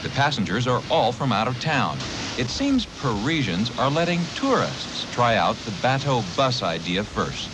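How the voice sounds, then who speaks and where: A man's voice: mid-range voice, big pitch swings, moderate pace, over music. A man reporting a scripted news feature in a wry, storytelling delivery. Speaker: news correspondent. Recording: voice-over with noisy street and river ambience.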